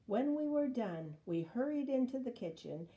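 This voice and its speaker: A woman reading a children's story aloud in an expressive, dramatic way, drawing out words. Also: fairly high pitch, dull audio. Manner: dramatic, with drawn-out words and sound words. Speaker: storybook reader.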